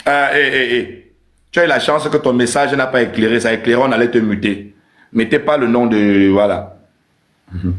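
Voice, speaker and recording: A man's voice: medium pitch, normal speed. A man hosting a live stream with an emphatic, teasing comic rant, repeating his points. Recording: roomy echo.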